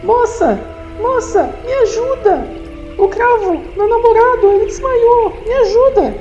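A woman voicing a dramatic, lovesick female frog who talks in shrill, melodramatic outbursts. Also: unhurried, mellow, soft background music. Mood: panicked. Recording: roomy, dull lo-fi sound.

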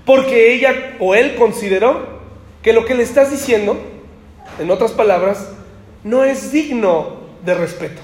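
A man's voice: very high-pitched, a little slow, echoey room. A man preaching a sermon, talking conversationally and asking his congregation rhetorical questions.

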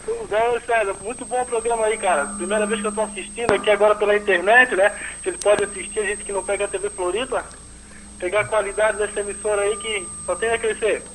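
High-voiced caller on the phone. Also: male voice, steady tone, quick pace, fairly bright tone, a little hiss or hum. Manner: friendly, effusive. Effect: heard over a phone line. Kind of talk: casual call-in chat.

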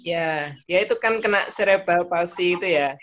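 A man's voice: sits high, moderate pace, fairly bright tone, highs cut off, a little hiss or hum. A man calling in to a talk show, chatting casually about his stand-up community. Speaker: caller from a stand-up comedy community. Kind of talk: casual call-in chat.

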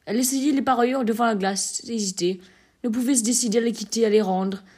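A woman narrating a classic short story in a measured, expressive reading. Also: on the high side, slightly rough.

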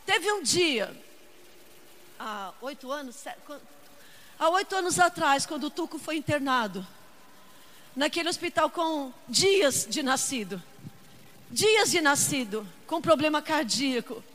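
An older woman preaching a fervent sermon, shouting at times and breaking into speaking in tongues. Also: high voice, animated, measured pace, pauses often, long reverb tail, slight background noise.

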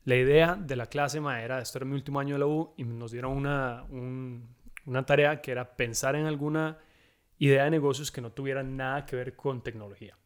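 A man's voice: medium pitch, fairly quick, clean tone. Man, Costa Rican accent, thirties, casual guest chat, easygoing storyteller. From Costa Rica. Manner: relaxed, says "mae" constantly, storytelling. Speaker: guest, tequila brand founder.

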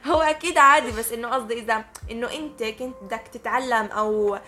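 Fast-talking woman. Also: fairly high pitch, bright, forceful tone. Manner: giggly, informal. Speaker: podcast co-host. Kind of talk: casual chat.

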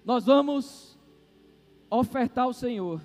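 A man's voice: extremely high pitch, slow, a little mellow. A man preaching a sermon, telling a story animatedly with exclamations and acting out the dialogue. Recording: long reverb of a hall, faint music.

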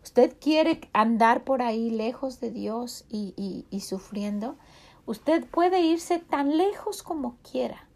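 A woman's voice: a little high, lively intonation, slow pace, vocal fry, a little mellow. Earnest woman with a Mexican accent preaching. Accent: Mexican Spanish. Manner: earnest, addresses listener directly with rhetorical questions. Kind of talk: devotional sermon talk.

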